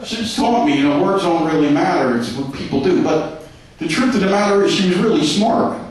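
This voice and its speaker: Male stand-up comic, high-pitched and brash, crude punchlines, echoey club recorded from afar. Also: lively intonation, brisk. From New York. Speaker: stand-up comedian. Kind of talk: stand-up comedy set. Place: comedy club stage, live audience. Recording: echoey club heard from a distance.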